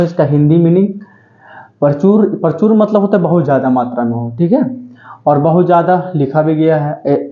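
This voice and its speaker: Male tutor, repetitive drilling delivery, echoey lo-fi room. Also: fairly high pitch. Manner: repetitive, drilling each word with "ठीक है" and self-questions. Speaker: English vocabulary teacher. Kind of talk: exam-prep vocabulary lecture. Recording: roomy, dull lo-fi sound.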